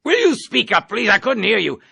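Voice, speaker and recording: A roaring gravelly army colonel. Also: male voice, high-pitched, big pitch swings, fairly quick, voice pushed up, exaggerated voice. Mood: bellowing. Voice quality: gravelly raspy roar. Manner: hectoring, shouting, browbeating. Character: bellowing bullying male army colonel, bloated. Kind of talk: audiobook character voice.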